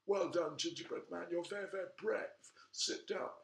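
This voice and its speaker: A man voicing a pompous, biased owl judge in a wig, speaking in a high, grand and loud voice. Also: normal speed, creaky, reverberant, far from the mic.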